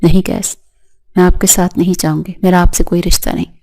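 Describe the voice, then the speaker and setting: Stern wounded young mother, read by a woman, low and mellow voice, firm storybook dialogue. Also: little pitch movement, creaky. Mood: bitter reproach. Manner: firm, reproachful. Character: proud hurt young mother, stern but trembling.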